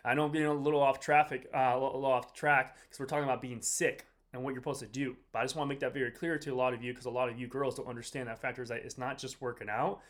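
Racing along with hardly any pauses, a man's mid-range voice barely moves in pitch. He is a sick, drained fitness coach hosting a casual motivational podcast, talking to his live audience in a slangy, repetitive, rambling direct style.

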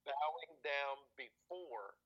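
Hesitant, bright-voiced man rambling through memories. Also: fairly high pitch, slow, lo-fi sound. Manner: rambling, hesitant, searches for words. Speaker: guest recalling church experiences. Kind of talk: casual conversation.

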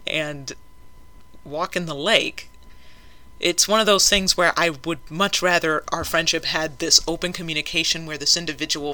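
Bright-voiced playful podcast co-host. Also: medium pitch. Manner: playful, joking, thinks aloud. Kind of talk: casual conversational podcast.

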